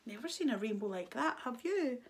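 A woman reading a children's picture book aloud, giving the animals voices and adding soft whispered asides. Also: on the high side, animated, fairly quick. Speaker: storyteller.

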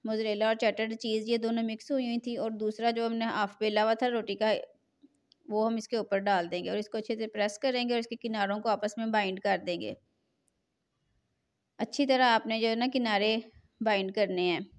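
A woman's voice: a little high, steady tone, normal speed. Chatty middle-aged woman. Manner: chatty, repeats filler phrase "jo hai na". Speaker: cooking channel host. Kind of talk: cooking tutorial voice-over.

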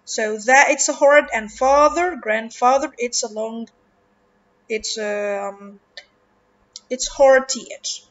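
Woman english teacher w/ arabic accent, high voice, drags words out slow, kinda muffled lo-fi audio. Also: fairly bright tone. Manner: slow and deliberate, stretching words for pupils, mixing in Arabic glosses. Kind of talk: recorded online lesson.

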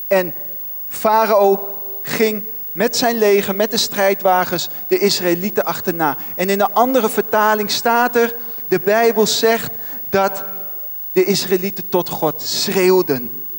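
A man preaching a sermon in a church, impassioned and emphatic, rising into pleading questions. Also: high voice. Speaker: pastor. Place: large church hall. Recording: church hall reverb.

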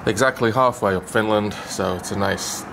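Speaking into a handheld camera, a man narrates a casual vlog as he heads from his apartment down the stairwell to his car in an icy car park. His fairly low voice has vocal fry and a moderate pace, the background is noisy, and his talk is rambling and self-deprecating.

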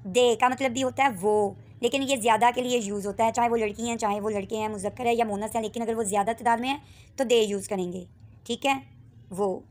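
A woman teacher with a Pakistani accent giving a textbook lesson, reading English words and sentences slowly and clearly, then explaining them. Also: fairly high pitch, fairly even intonation, darkish tone.

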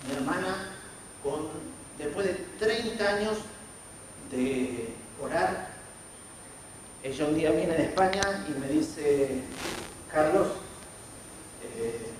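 A man in his forties speaks with an Argentine accent and a slightly high voice, telling his own story as a sermon and acting out what others said to him. He sounds set back from the mic in a very reverberant church hall. A faint noise floor sits under his voice. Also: expressive, slow, pauses often, far from the mic. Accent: Argentine Spanish. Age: 40s. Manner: storytelling with acted quotes of others. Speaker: preacher. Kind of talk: sermon testimony. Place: church sanctuary.

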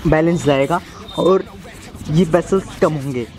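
Speaking at a measured pace in a fairly high voice, this twenty-something amateur home trainer talks viewers through a workout demonstration. His directions are casual and instructive, frequently repeated, and loud music sounds behind him in an outdoor brick-walled yard or rooftop.

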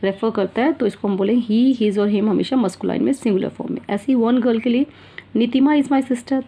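An Indian schoolteacher with a fairly high, husky voice that has a gravelly edge. Her tone is dark and mellow. She explains English grammar to young pupils in a patient classroom manner, switching between Hindi and English and often checking that they follow. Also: dull audio. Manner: mixes Hindi and English, calls pupils "beta", repeats and checks "theek hai na". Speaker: school teacher. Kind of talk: online English grammar lesson.

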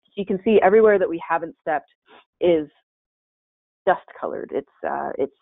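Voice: medium pitch, normal speed, creaky, no echo. A caver giving a casual, chatty slide-show presentation in a webinar, with many fillers and restarts. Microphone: webinar call mic. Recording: tinny, dry webinar call audio.

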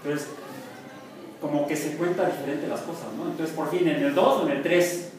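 This is a Mexican lecturer joking around and quizzing students during a university math lesson. He speaks a little high, with fairly even intonation and a moderate pace, and the recording is distant, echoey, and full of classroom background noise.

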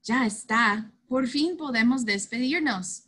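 Brief: woman reading as a soft-spoken, worried old uncle, slow and gentle, storybook voice. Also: on the high side, husky, exaggerated voice.

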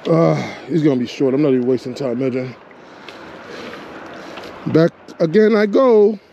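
A fishing vlogger on a rocky shore keeps up a casual running commentary to himself and the fish, captured by a body-mounted action camera. His voice is fairly high and mellow with lively intonation and a measured pace, and the lo-fi audio carries slight background noise.

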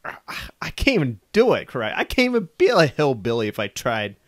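A man's voice: medium pitch, wildly swooping pitch, normal speed, dry recording, clean studio sound. A man voicing a dim-witted, toothless hillbilly in goofy mock self-parody.

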